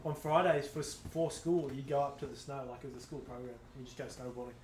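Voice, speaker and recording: A man's voice: mid-range voice, fairly even intonation, quick pace, a little mellow, echoey room, a little hiss or hum. An Australian man in his twenties, a rugby league player, chatting easygoing about growing up. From Snowy Mountains, Australia. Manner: laid-back, easygoing, says mate and man a lot. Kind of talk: casual interview chat.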